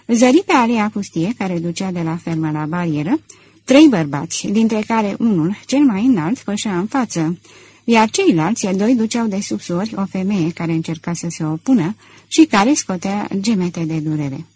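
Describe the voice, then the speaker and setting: Brief: female audiobook narrator, breathy timbre, measured scripted narration. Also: medium pitch, lively intonation, mellow. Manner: measured storytelling.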